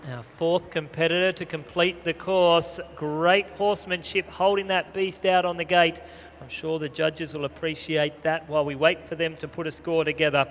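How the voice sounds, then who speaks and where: A man gives informative live sport announcements over an arena PA. His voice is a touch high, with long reverb and some noise behind it. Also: a bit bright. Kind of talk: informative live sport commentary, reading competitor profiles. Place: large show arena over loudspeakers. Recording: reverberant stadium PA with background noise.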